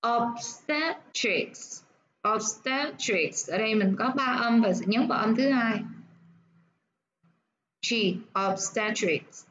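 A woman teaching nursing English, explaining step by step and repeating words slowly to show where the stress falls. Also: fairly high pitch, highs cut off, a little hiss or hum.

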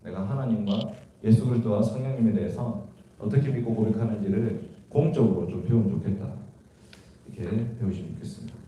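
A man's voice: fairly low pitch, fairly quick, dark tone, a little hiss or hum. A man teaching a Bible class, asking students questions and explaining the verses. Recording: echoey room from far off.

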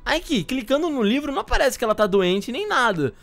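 A young man hosting a gaming channel, chatting excitedly and joking with his co-player during gameplay. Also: very high voice, a little fast, creaky. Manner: animated, exclaiming, joking with co-player.

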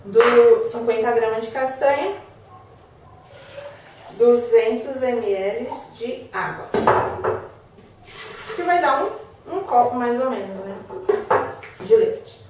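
A woman hosting a cooking demonstration, chatting with viewers and giving her helper quick asides. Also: a little high, darkish tone, slight background noise. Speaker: cooking show host. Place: kitchen. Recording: echoey room, mic far off.

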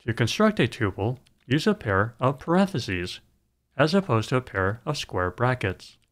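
A man narrating a scripted programming screencast in a calm, measured way. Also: mid-range voice.

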